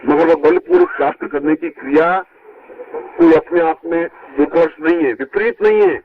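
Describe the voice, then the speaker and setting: A man teaches his disciples in an emphatic spiritual discourse, heard from an old worn tape that sounds dull and lo-fi. His voice is somewhat high and gravelly. It swings widely and leaps upward whenever he presses a point. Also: big pitch swings, normal speed, crowd noise. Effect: old worn tape recording.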